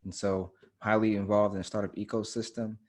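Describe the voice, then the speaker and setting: A man from the United States with a low voice talks as a guest in a webinar. He is emphatic and comes back to his main points. His audio has the feel of a video call. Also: flat delivery, brisk, darkish tone. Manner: emphatic, repeats key points. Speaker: guest author. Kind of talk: webinar conversation.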